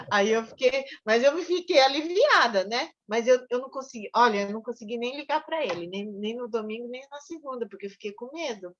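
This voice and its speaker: A woman's voice: a little high, lively intonation, brisk, few pauses, a little hiss or hum. A woman with a Brazilian accent in a Bible study, chatting and telling a personal story, often asking "right?". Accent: Brazilian Portuguese. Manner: chatty, tag questions, repeats words. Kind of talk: casual discussion and personal storytelling. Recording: muffled lo-fi recording.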